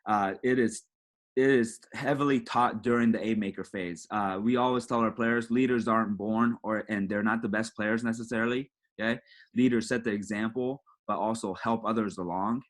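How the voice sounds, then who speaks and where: Low-voiced coach presenting to coaches. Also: male voice, steady tone, normal speed. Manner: conversational, repeats "right?" and "again". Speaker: high school football coach.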